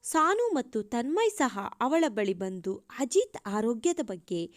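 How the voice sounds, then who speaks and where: Slow, expressive woman storyteller. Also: on the high side, no echo, studio quality. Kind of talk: story narration.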